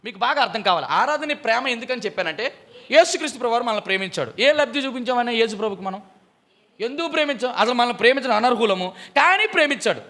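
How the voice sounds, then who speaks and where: Man preaching bible study, voice jumps loud then drops real low, asks the crowd stuff constantly. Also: fast talker. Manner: lively preaching with many questions to the listeners; swings between loud exclamations and low, quiet emphasis. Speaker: pastor.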